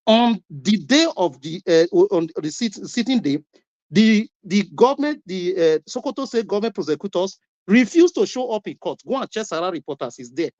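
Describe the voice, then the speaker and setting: On a call-in broadcast, a Nigerian-accented man argues heatedly, firing off rhetorical questions and repeating words to press each point. His voice is high-pitched and a little mellow, with lively intonation and a slightly fast pace. The lo-fi audio sounds like an online call.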